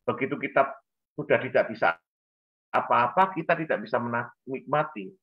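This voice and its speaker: A man, telling a lively story with acted-out voices on a church talk show. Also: medium pitch, normal speed. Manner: animated, acts out voices in his story. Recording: dull lo-fi sound.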